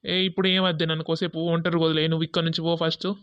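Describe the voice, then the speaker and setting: A man's voice: fairly high pitch, flat delivery, quick pace, fairly bright tone, clean tone, no echo, highs cut off, natural voice. A man voicing a sulking, jealous young husband in a cartoon, answering brusquely in a Telangana Telugu accent. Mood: irritated. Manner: irritated, brusque.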